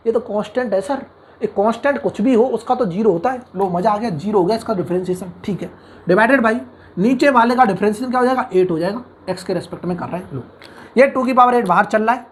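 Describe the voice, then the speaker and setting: A man's voice: sits high, a little hiss or hum. A man teaching engineering mathematics in an online lecture, coaxing the class with constant questions and acting out imagined student objections. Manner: brisk, coaxing teacher who asks the class questions and answers them.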